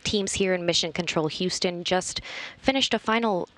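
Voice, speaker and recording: A woman's voice: fairly low pitch, moderate pace, fairly bright tone, no room sound. A woman giving formal, informative live commentary as a mission control announcer. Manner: formal, clearly structured announcing. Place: flight control room.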